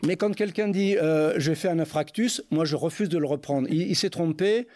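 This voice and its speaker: A man's voice: on the high side, normal speed, darkish tone. A man with an Auvergnat accent in a group discussion, often restarting and repeating words as he argues his view. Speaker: discussion participant.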